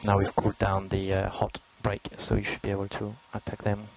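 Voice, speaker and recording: A man's voice: on the low side, completely flat delivery, brisk, gravelly. A man working as a race engineer, giving short, precise spotter-style calls and countdowns over team radio. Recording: team radio with crowd-like background noise.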